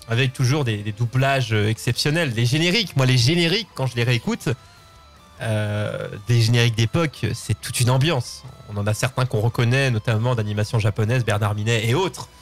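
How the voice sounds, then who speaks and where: A man in his twenties hosts a live open-line show, rambling casually and often repeating words. His medium-pitched voice is animated and moves at normal speed, with music in the background.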